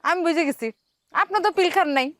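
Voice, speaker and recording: An actress playing a sharp-tongued, mocking village wife. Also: female voice, very high-pitched, quick pace. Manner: mocking, scolding.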